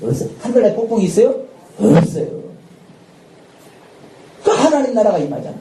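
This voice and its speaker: A male pastor preaching a sermon with lively energy, often shouting out dramatic lines and laughing. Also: high-pitched, brisk. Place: church sanctuary at a Friday night service. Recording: echoey church hall, distant mic, faint noise.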